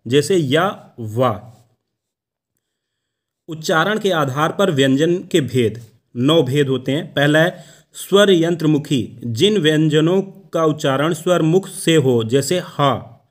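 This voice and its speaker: A man teaching Hindi phonetics for an exam, explaining step by step, asking questions and answering them himself, and sounding out each letter slowly. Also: fairly high pitch.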